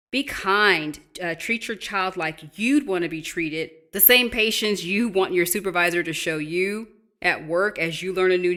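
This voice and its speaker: A woman's voice: lowish voice, bright, forceful tone. A middle-aged woman and teacher explaining spelling tips to parents in a patient, encouraging way, spelling words out letter by letter. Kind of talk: instructional talk to parents.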